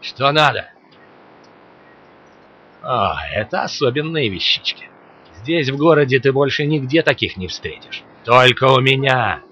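A shady male trader from a sci-fi game, with a bright, forceful voice. He is curt and sly, hawking his goods. Faint noise sits behind him. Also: mid-range voice, lively intonation, measured pace, long pauses. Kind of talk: video game character dialogue.

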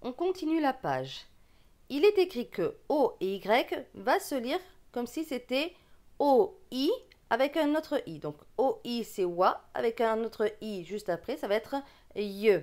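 A reading teacher with a regional French accent leads a slow lesson for beginners, sounding out syllables and patiently repeating every word. Her voice sits on the high side, with a darkish tone, and she speaks expressively and a little slowly.

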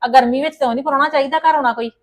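A woman playing a complaining, sharp-tongued daughter-in-law in a family drama. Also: high voice, rapid-fire, lightly acted. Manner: complaining, sarcastic, mutters asides.

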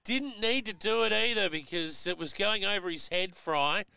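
A man's voice: sits high, moderate pace, creaky, sharp tone, clear, resonant tone, no echo. An Australian man giving live football commentary and analysis, chatty and folksy, jumping up sharply at big hits.

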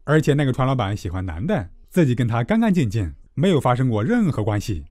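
Man narrating with very lively pitch. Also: fast talker, dry recording, studio quality. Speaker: movie recap narrator. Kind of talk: scripted comedic narration.

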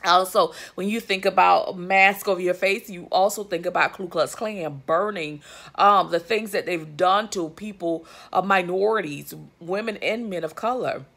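A woman in her thirties talks to her viewers from a living-room couch, her vlog commentary emphatic and chatty, full of fillers and asides. Her voice is on the low side and a bit bright, at a moderate pace, picked up by a phone or webcam at arm's length.

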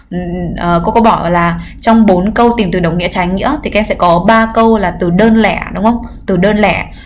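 A woman English teacher giving a livestreamed exam review lesson, explaining patiently and pausing on filler sounds. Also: mid-range voice, a little hiss or hum. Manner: explains patiently, often adds "các em" and "nhá"; frequent filler hesitations. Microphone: computer mic during livestream.

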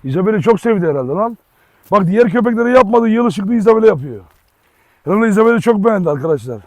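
Man, high voice, casual vlog chat, shouts at dogs, outdoors. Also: lively intonation, fast, no room sound. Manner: chatty, often shouts commands at dogs. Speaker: dog owner and channel host.

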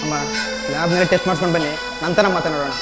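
Male actor as a calm, firm doctor; fast and fairly high, roomy stage sound, loud music. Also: lightly acted. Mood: soothing firm. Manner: reassuring, measured counsel. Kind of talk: village stage drama acting.

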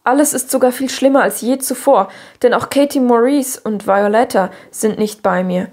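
A dreamy, dramatic orphan girl, put on by a woman reading aloud pours out grand, theatrical phrases in a higher voice. She sounds like a storybook heroine with a big imagination. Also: normal speed, a little mellow, lightly acted. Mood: glum.

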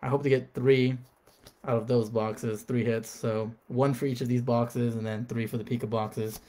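A man's voice: medium pitch, little pitch movement, moderate pace, mellow. A man chatting casually on a live stream, reading out card names and talking to viewers.

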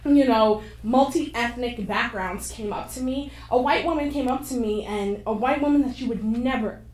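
A young woman on a panel, telling a candid personal story with animated, frank delivery into a handheld mic on a stage. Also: on the high side, moderate pace. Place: stage of a screening room with an audience. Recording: echoey hall from far off, faint noise.

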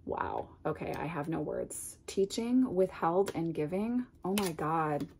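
In a room lined with bookshelves, a woman in her thirties reviews a card deck as she unboxes it, her low, gravelly voice congested from a cold yet expressive and unhurried. Speaking casually to a camera at desk distance, she gushes and slips into asides and soft whispers over slight background noise.

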